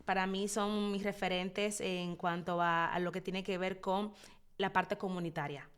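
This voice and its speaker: A woman in her thirties with a Dominican accent and a fairly low voice tells her story as an interview guest. She is expressive and reflective, often pausing to gather her thoughts. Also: smooth. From Dominican Republic. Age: 30s. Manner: expressive, reflective, with frequent hesitations. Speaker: psychologist guest.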